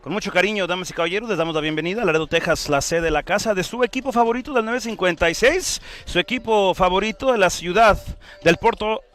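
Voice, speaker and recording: A man announcing a soccer match on a live stream, with a booming, drawn-out welcome in the style of a wrestling ring announcer. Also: fairly bright tone. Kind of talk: bilingual hype introduction for a live stream.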